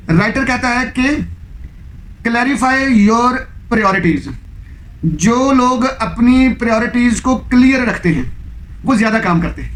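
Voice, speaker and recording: A man's voice: very high voice, fairly bright tone, reverberant. A man presenting a book summary as an informal lecture, explaining in plain terms and often checking in with the listener.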